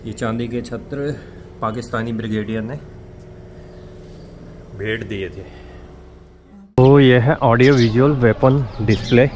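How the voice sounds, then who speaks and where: This travel vlogger speaks at medium pitch, unhurried and pausing often, as he narrates into a handheld camera held at arm's length, both in a car and outdoors. His chatty, tour-guide style mixes English words into Hindi. The outdoor camera audio carries clear vehicle and wind noise.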